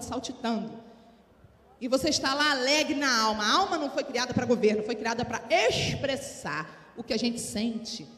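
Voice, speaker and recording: A woman with a Brazilian Portuguese accent preaching a sermon to women, often calling for responses from the congregation, her voice swinging between soft and loud. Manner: calls for audience responses; animated, sudden rises in pitch and volume. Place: church hall. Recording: echoey hall with long reverb.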